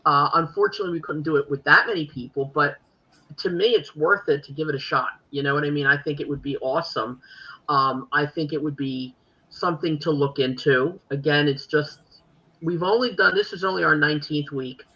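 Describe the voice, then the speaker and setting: Deep-voiced, brisk and forcefully bright, this woman hosts a podcast in a Philadelphia accent. She chats casually and rambles, using plenty of fillers, and the sound is lo-fi.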